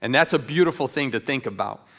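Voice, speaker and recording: A middle-aged man speaks at an even, middle pitch, leading a church training session. He talks earnestly and tells stories, pausing often on ums and restarting his sentences. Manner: earnest, warm storytelling with frequent ums and restarts. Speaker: ministry speaker.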